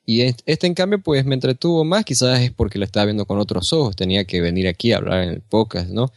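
A man's voice: lowish voice, fast talker, no echo, studio quality. A man co-hosting a casual podcast, chatty and joking, often speaking to the listeners. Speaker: podcast co-host. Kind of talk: casual wrestling podcast chat.

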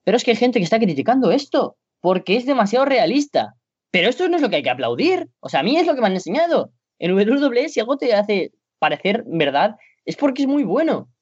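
A man's voice: sits high, very animated, brisk, slightly rough, no echo, muffled recording. A man with a Spain Spanish accent co-hosting a wrestling podcast in casual chat, rambling at first and then ranting in exasperation. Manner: rambling, grows into an exasperated rant.

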